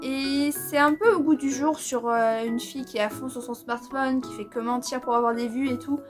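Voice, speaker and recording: A woman's voice: sits high, steady tone, normal speed, over music. A young woman from France chatting casually and enthusiastically in a manga vlog, using a lot of slang. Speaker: manga vlogger.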